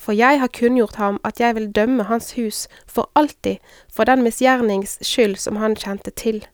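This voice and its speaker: A woman reading scripture aloud at a measured pace. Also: a little high, fairly even intonation, clean tone, no room sound, studio quality. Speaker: scripture reader. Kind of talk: Bible reading.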